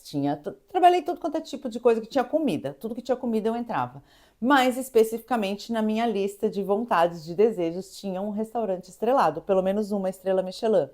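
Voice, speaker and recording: A woman from Brazil, in her thirties, telling a personal story in a casual, animated way, acting out scenes and laughing as she goes. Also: mid-range voice. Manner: animated, laughing, acts out the shouting chef.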